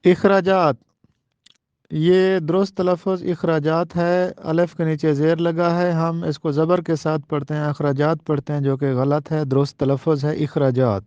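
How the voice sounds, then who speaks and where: A man's voice: on the high side, warm tone, clear, resonant tone, no room sound, dull audio. A man teaching an exam-prep lecture, carefully spelling out the correct pronunciation of words. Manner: careful, deliberate pronunciation drills. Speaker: Urdu teacher.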